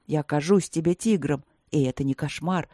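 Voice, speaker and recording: A lowered, clipped male voice grumbles out short replies, as a woman puts him on. He is an arrogant young heir with a curt manner. The tone stays mellow and the sound is dry. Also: moderate pace, dry recording. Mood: curt irritated.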